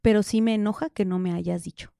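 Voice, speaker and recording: A woman, a podcast guest telling candid personal stories in an animated way, acting out the dialogue. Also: medium pitch, brisk, creaky, no echo, studio quality. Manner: animated, laughs often, acts out quoted dialogue. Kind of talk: candid conversational storytelling.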